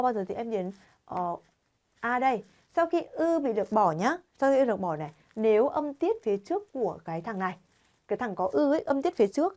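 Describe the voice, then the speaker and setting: A woman's voice: fairly high pitch, a little mellow. A woman teaching a Korean grammar lesson to learners, constantly quizzing viewers with rhetorical questions.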